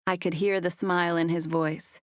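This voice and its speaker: A woman narrating a first-person romance audiobook in a soft, even storytelling voice on a close mic. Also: fairly low pitch, moderate pace, dry recording.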